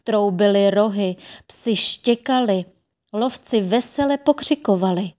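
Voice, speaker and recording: A woman narrating a fairy tale audiobook in a gentle, expressive storytelling voice. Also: mid-range voice.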